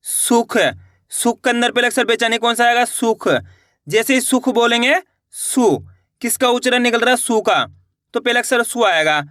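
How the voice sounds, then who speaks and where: A man's voice: very high-pitched, pushed and bright, no room sound, studio quality. A man teaching a lesson step by step, asking questions and answering them himself, with an Indian Hindi accent. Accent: Hindi-speaking India. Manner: repeats words, asks and answers own questions.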